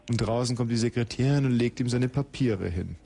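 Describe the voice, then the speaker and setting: A man's voice: mid-range voice, normal speed, vocal fry, warm tone, soft background music. A man hosting live radio, joking and laughing as he narrates the studio chaos play-by-play. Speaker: radio host.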